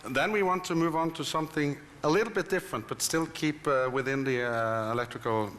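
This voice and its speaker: A man's voice: on the high side, fairly quick, a bit bright. A man moderating live technical presentations, speaking in hesitant, broken phrases. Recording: hall noise, audience sound behind.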